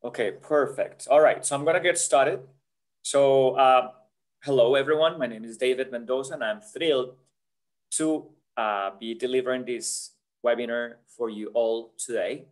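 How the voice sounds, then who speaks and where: A man's voice: mid-range voice, moderate pace. A man from Colombia, a career counsellor presenting an online webinar over a video call, earnest and chatty, dotting his talk with "yeah?" and "right?".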